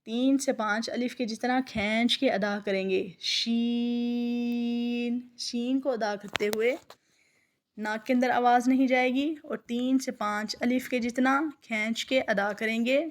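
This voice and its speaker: A woman teaching a recitation lesson, patiently explaining each letter and drawing its sound out slowly. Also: on the high side, steady tone, a little hiss or hum. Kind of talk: tajweed lesson, slow letter drills.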